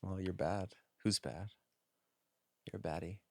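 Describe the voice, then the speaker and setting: A man co-hosts a casual podcast in a very low voice. He teases his co-host with dry, deadpan one-liners and talks candidly about his own life. His voice is recorded close and dry. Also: measured pace, vocal fry, no room sound. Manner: dry teasing humor.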